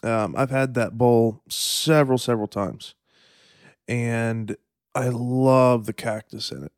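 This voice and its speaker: A man hosting a solo podcast in a relaxed, rambling way, with fillers and throat clearing, eating and sipping coffee at the mic. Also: mid-range voice, slow pace, no room sound, studio quality. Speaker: podcast host. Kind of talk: casual solo podcast talk.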